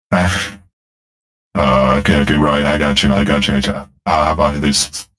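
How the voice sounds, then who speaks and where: A man speaking through a distorted voice changer that makes him sound deep and loud. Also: fairly even intonation, a little slow. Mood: boastful. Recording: distorted, off-mic voice changer audio.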